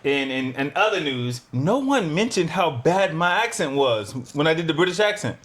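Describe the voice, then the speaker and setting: A man co-hosting a podcast, joking through crude banter with quick asides. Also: a little high. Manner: animated, jokey, quick asides. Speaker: podcast co-host.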